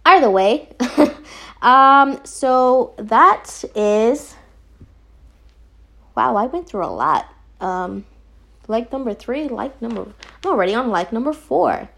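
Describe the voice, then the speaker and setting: A woman's voice: on the high side, slow pace, creaky, long pauses. Giggly, rambling young woman. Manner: giggly, rambling, animated, frequent fillers and laughs. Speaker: anime reviewer. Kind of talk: casual chat.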